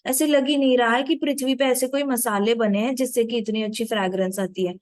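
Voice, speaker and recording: Woman, devotional storytelling, fairly high pitch, dry close mic, casual, filler-heavy. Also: fairly even intonation, brisk, darkish tone, dry recording. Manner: informal, with frequent fillers and repeated phrases. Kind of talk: devotional storytelling, Hindi mixed with English.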